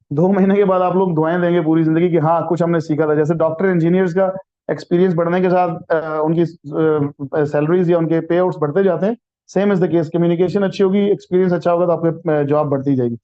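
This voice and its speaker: A man teaching an online English class, drilling letter sounds slowly one by one and mixing English phrases into his lecture. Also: on the high side, steady tone. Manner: mixes Hindi-Urdu with English phrases. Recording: slightly dull, lo-fi audio.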